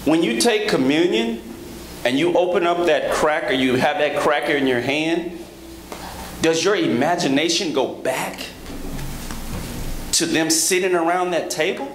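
A man in his thirties preaching a sermon from a church pulpit on a handheld microphone, rhythmic, rising to emphatic high peaks, with joking asides to the congregation. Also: measured pace, pauses often. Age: 30s. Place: large church sanctuary, at a pulpit. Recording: echoey church hall with background noise.

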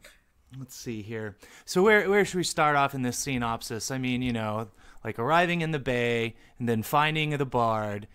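A man's voice: mid-range voice, lively intonation, normal speed, a bit bright, smooth. A man, a musician guest, chatting casually about music.

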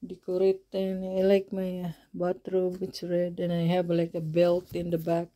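A woman gives a casual home-tour vlog from her basement, her voice low and very even with little rise or fall. She speaks slowly and haltingly, often pausing to search for the right word, and her tone stays mellow throughout. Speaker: vlogger.

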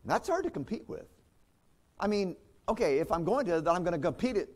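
A man's voice: high voice, very animated, brisk. A man preaching a sermon as pastor, in a conversational way with chuckles and restarts.

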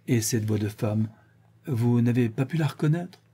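A man reading an audiobook, voicing a stern, shrewd woman who questions her servants in a measured, deliberate way. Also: medium pitch, warm tone, breathy edge, lightly acted. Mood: cold.

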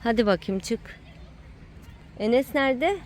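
Her pitch is fairly high and her intonation lively, though she speaks slowly in a darkish tone. She's an adult filming a child on an outdoor playground, encouraging and teasing them in relaxed, playful commentary captured on a noisy home video.

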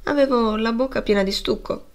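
A woman's voice: a little high, a little fast, close to an everyday voice. A woman reading the part of a timid, tearful schoolboy explaining himself to his teacher. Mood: pleading. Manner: pleading, earnest.

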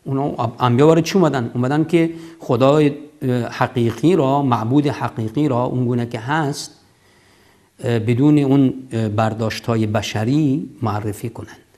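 A man's voice: mid-range voice, dark tone. A man in his fifties hosting a religious call-in show, explaining in a didactic, emphatic way with repeated phrases, on a lapel mic in a studio. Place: TV studio, seated at desk.

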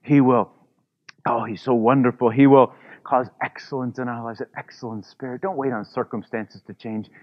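A man's voice: medium pitch, fairly even intonation, moderate pace, dull audio. A man preaching a sermon as pastor, in an easygoing, conversational way, full of "you know" asides.

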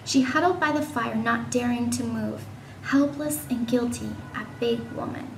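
A woman's voice: fairly high pitch, normal speed, faint music behind. Woman reading a storybook aloud. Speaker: reader. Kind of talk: informal storybook read-aloud. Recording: echoey room with faint noise.

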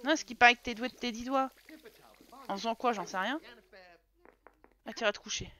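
Bright-voiced woman chatting over a life-sim game. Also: on the high side, fairly quick. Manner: chatty, exclaims and scolds her game characters. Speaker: streamer. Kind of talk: casual let's-play commentary.

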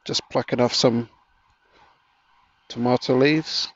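A man giving a casual how-to narration in his garden, relaxed and chatty with jokey asides, recorded on a handheld phone. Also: mid-range voice, slow, no room sound, dull audio. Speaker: gardening vlogger. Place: home garden, outdoors.

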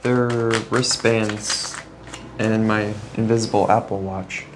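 A young man playing a nervous but cheeky businessman, answering deadpan and briefly in a soft-spoken ASMR role-play. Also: lowish voice, slow pace. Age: 20s. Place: small plain indoor room. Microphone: clip-on mic at the collar. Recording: hissy noise with clicks and rubbing.

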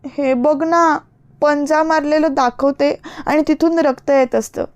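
A woman's voice: sits high, steady tone, a little slow, pitched above the performer's own voice. A woman voicing a shy young woman who scares easily, speaking in a pleading, girlish way in an audiobook story. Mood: plaintive. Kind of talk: audiobook character reading.

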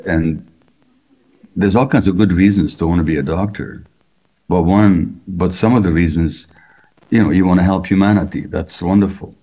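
Older man, deep measured explainer. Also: warm tone. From Hungary. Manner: measured, explanatory, asks rhetorical questions. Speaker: physician and author. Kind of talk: reflective interview answers over video call. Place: indoor room at home. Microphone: video call webcam. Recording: dull lo-fi video call audio.

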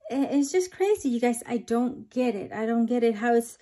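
Chatty woman, slightly high voice. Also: level tone, moderate pace, mellow. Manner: chatty, keeps saying "you guys". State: a bit out of breath. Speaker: budgeting vlogger. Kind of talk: casual chat to camera.

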